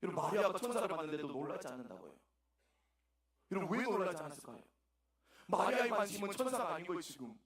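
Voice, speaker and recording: A man's voice: high voice, sing-song, fast, a bit bright. A man preaching a sermon as pastor, emphatic and repeating words as he speaks to the congregation in a church. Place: church sanctuary. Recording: echoey church hall, distant mic.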